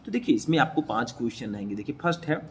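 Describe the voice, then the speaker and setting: A man's voice: mid-range voice, lively intonation, rapid-fire, a little hiss or hum. A young man teaching a class, explaining a poem line by line and often checking in with his listeners.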